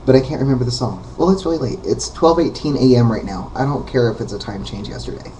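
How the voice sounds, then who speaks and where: Rambling, candid baritone man on webcam. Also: fast talker, warm tone, a little hiss or hum, poor audio. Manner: rambling and candid, many ums and uhs. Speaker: vlogger. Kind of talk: casual talking-to-camera vlog.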